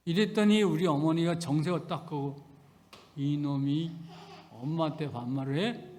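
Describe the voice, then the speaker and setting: A man's voice: on the high side, darkish tone. A middle-aged male pastor preaching a sermon in a folksy, storytelling way, acting out family conversations. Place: church sanctuary. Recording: long church hall reverb.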